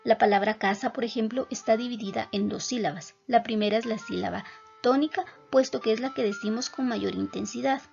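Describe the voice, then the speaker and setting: Female teacher, slightly high voice with a gravelly edge, soft music behind, dull lo-fi sound. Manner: clear, measured explanatory delivery. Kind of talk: recorded classroom lesson.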